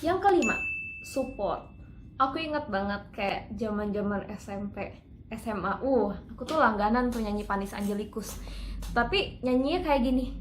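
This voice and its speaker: A woman's voice: on the high side, expressive, moderate pace, reverberant, background noise. A woman teaching singing in a casual, chatty way, breaking into operatic phrases to demonstrate.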